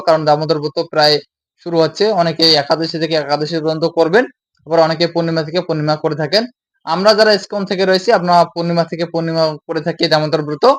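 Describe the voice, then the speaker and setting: A man giving devotional instruction, explaining each step and repeating himself, and often reciting a chant. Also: on the high side. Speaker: devotional teacher. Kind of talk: religious instruction.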